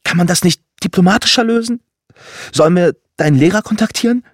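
A man voicing a frightened mother, shrill and firing off anxious questions. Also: fairly quick, dry recording, studio quality. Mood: alarmed.

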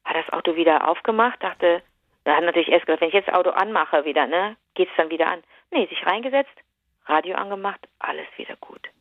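A woman telling a long anecdote in casual chat, animated and rambling, with many fillers and restarts. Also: fairly low pitch, quick pace, no echo. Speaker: podcast co-host telling an anecdote. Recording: slightly dull, dry lo-fi sound.

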